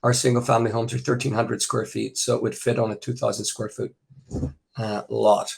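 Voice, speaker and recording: A man's voice: mid-range voice, flat delivery, brisk, gravelly, breathy edge. A man presenting remotely to a town board over an internet call that keeps breaking up, speaking earnestly with frequent hesitations. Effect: choppy internet call audio breaking up. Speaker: housing nonprofit representative.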